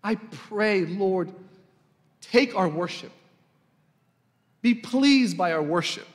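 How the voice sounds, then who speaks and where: A high-voiced male preacher delivering a sermon with a very lively, swooping delivery. His voice climbs sharply whenever he voices a quoted line. The church hall gives it a long, lingering reverb. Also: slow pace. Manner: animated, emphatic, rising sharply on quoted lines.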